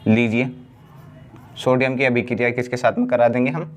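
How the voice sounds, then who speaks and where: A male chemistry teacher talks through a lesson at a middle pitch. He poses questions to the class and answers them himself, drawing the key words out slowly. A faint hiss sits under the recording. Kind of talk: blackboard lesson.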